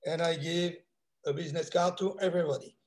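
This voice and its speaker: A French man speaking English with a French accent on a video call, halting and repeating himself. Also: fairly high pitch, fairly even intonation, darkish tone. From France. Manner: halting, repetitive phrasing with non-native grammar. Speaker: real estate agent.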